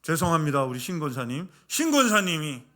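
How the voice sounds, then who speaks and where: Lively male pastor preaching, keeps quizzing the congregation; high, very bright voice. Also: brisk. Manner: animated, asks the congregation questions. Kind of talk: sermon with humorous anecdotes.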